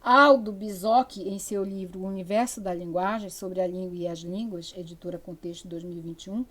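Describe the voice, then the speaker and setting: An older woman from the interior of Amazonas with a Brazilian Amazonas accent, giving a lecture in a chatty, digressive way full of fillers and restarts. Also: mid-range voice. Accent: Amazonas interior Brazilian Portuguese. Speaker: university lecturer. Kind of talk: spoken lecture.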